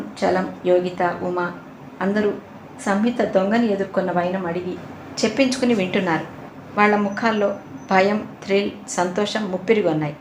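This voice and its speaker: Woman narrator, audiobook novel reading, mid pitch, roomy echo, faint hiss. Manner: reads all characters in her own voice, slightly livelier for dialogue.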